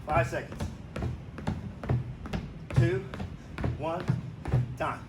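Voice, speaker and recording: A man coaching a circuit workout, barking short, energetic commands and instructions as he exercises along. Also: a little high, drawn-out words, distant mic. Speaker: fitness coach leading a workout. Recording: noisy room with gym ambience.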